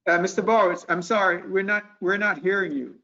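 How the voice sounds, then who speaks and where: High-voiced man chairing a call. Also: steady tone, vocal fry, bright, forceful tone, a little hiss or hum. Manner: halting, restarts often. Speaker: meeting chair. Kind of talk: virtual board meeting discussion. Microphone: video call. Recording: muffled video call audio.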